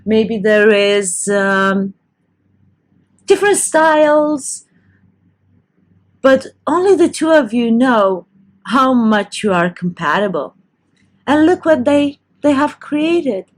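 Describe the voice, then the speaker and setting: Chatty woman reading tarot, slightly high voice. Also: expressive, slow, long pauses. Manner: chatty, loose, with restarts and self-corrections. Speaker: tarot reader. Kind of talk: casual tarot reading to camera.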